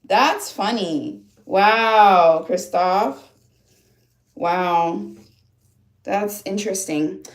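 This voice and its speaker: Recorded in an echoey room, a thirtysomething woman from upstate New York, USA, runs a relaxed livestream and talks with viewers in the comments. Her mid-range voice moves very slowly and pauses often, and her rambling is full of fillers and restarts.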